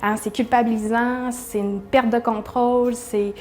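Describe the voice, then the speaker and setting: A woman's voice: on the high side, little pitch movement, a little slow, a little mellow. A woman with a Québécois accent who works at a shelter, answering interview questions in an earnest way. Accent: Québécois French. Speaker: shelter worker.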